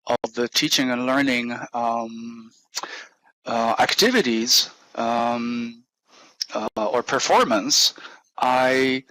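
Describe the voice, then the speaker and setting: A man with a Polish accent giving an academic conference presentation, haltingly, with frequent throat-clearing and grunting noises. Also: mid-range voice, bright, forceful tone, no echo, poor audio. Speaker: university lecturer, conference speaker. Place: online talk given inside a virtual world.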